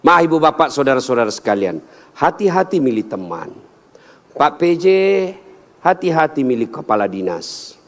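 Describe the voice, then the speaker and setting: A male preacher gives a humorous sermon at a big religious gathering, telling funny stories and jumping to high-pitched punchlines. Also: moderate pace. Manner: jokey, storytelling, animated with sudden high-pitched punchlines.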